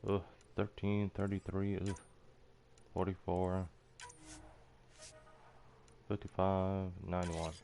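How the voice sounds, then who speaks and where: A man's voice: sits low, flat delivery, takes it slowly, vocal fry, long pauses, warm tone, slight background noise. A man losing his voice, giving rambling, half-muttered commentary on a game he is playing. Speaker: game streamer. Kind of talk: casual gameplay commentary.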